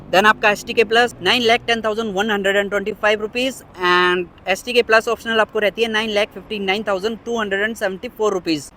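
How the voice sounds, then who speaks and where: High-voiced man doing a car walkaround. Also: sharp tone. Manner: brisk feature-by-feature listing. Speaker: car reviewer. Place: outdoors beside parked cars.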